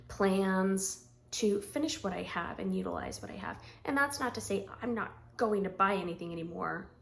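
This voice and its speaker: A woman in her forties chatting casually to camera about her stitching, rambling with frequent ums and throat clearing. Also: medium pitch. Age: 40s. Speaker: stitching vlogger.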